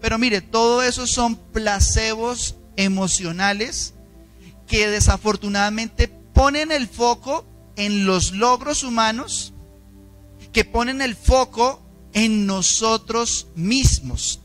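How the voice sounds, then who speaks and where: A pastor with a Colombian Spanish accent preaches a sermon in a church, delivering it dramatically and emphatically with shifting pitch and frequently asking the congregation questions. His voice is a bit bright and he takes it slowly, with faint music behind him.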